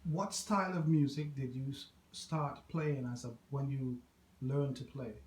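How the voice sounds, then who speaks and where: A man's voice: medium pitch, steady tone, a little slow, a little mellow, echoey room, poor audio. A man from Trinidad and Tobago hosting an interview, encouraging his guest and repeating answers back. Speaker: interviewer host. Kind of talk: interview conversation.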